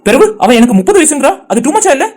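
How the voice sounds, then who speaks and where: A young village woman in her twenties from a cartoon, voiced by a woman. She has a Tirunelveli Tamil accent and a slightly raised voice. She talks very fast and tries to soothe and plead with the others. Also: sits high, big pitch swings, darkish tone. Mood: chatty.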